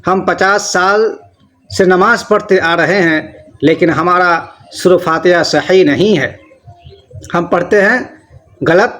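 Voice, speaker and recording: High-voiced man teaching Quran recitation. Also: fairly bright tone. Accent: Pakistani Urdu. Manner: switches between quick explanations and slow drawn-out chanting; stern, corrective about common mistakes. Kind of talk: tajweed lesson with slow chanted recitation.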